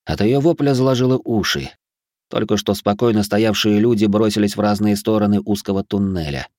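Low-voiced guy reading an audiobook, tense and urgent, dry close mic. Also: brisk, a little mellow, dry recording. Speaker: first-person narrator. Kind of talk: scripted audiobook narration.

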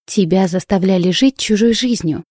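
Audiobook: woman voicing a bold girl artist, bright and teasing, higher than her own warm voice, dry sound. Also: normal speed, dry recording, close to an everyday voice. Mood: earnest. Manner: excited, exclaiming, teasing. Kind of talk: audiobook reading.

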